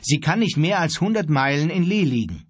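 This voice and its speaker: A man voicing a worried, gruff older ship captain who broods and mutters, in a husky voice. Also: a little high, expressive, brisk, no room sound, pitched above the performer's own voice.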